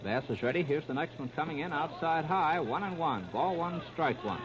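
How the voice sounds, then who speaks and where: This 1930s radio broadcast has a man with a higher-pitched, animated voice calling a ball game at a moderate clip. Short, present-tense bursts carry the action through muffled, scratchy, noisy audio.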